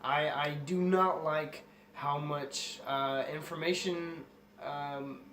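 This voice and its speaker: A man co-hosting a casual film review, speaking haltingly and correcting himself as he goes. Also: on the high side, fairly even intonation, fairly bright tone. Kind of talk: casual movie review chat. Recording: roomy echo, faint background noise.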